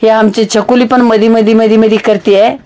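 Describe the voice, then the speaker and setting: A woman's voice: a little high, little pitch movement, normal speed, mellow. Chatty woman narrating a home vlog. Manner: chatty, rambling, with frequent fillers and restarts. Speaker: vlogger.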